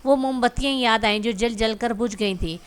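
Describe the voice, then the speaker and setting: A woman narrating a romantic drama story aloud in a steady reading voice. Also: a little high, clean tone.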